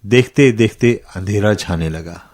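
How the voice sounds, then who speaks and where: This is a kindly old grandfather storyteller with a lowish voice. He takes his time and builds a spooky tale dramatically for listening children. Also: darkish tone. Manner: slow, dramatic, unhurried storytelling.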